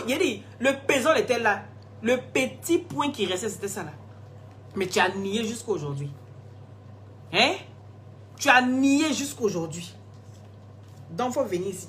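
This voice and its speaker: A hoarse woman, scolding and gossiping in a casual live stream, laughing often. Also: fairly high pitch, a little hiss or hum. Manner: animated, scolding, laughs a lot. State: hoarse, sore throat.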